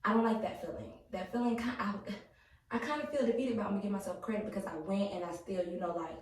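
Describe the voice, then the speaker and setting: A young woman vlogging at home, talking candidly with lots of fillers, sometimes dropping to a hushed voice. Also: mid-range voice, fast. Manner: candid, rambling, filler-heavy talk; hushed, half-whispered at times. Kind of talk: casual vlog narration. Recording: echoey room, mic at a distance.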